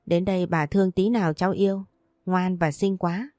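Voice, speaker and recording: A woman's voice: fairly low pitch, steady tone, normal speed, warm tone, no echo, clean studio sound, close to an everyday voice. A woman reading the lines of a fond and bossy older mother from the countryside in a storybook, in a plain read-aloud delivery.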